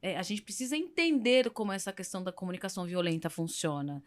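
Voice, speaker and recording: Direct, animated Brazilian woman. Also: mid-range voice, fast talker. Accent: Brazilian Portuguese. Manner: direct, animated, acts out quoted people. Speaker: therapist guest. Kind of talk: casual podcast conversation.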